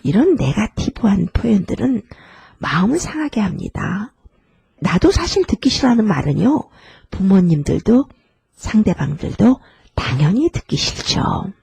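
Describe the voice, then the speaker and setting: Husky, breathy woman hosting a literary show. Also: big pitch swings, moderate pace, dry recording. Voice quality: breathy, husky, with some vocal fry. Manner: gentle, earnest, lets the pitch rise and fall widely. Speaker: literary podcast host. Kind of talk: reflective talk on an essay.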